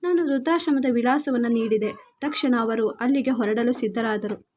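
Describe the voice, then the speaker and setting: A woman narrating a scripted first-person story in a steady, earnest reading. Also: fairly high pitch, normal speed, highs cut off.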